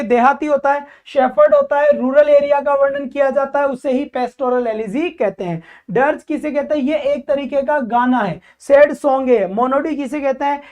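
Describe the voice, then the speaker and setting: A woman's voice: sits high, a little mellow. A woman teacher giving an exam-prep lecture. She asks questions and answers them herself, and keeps calling her students "child" affectionately. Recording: dull lo-fi recording.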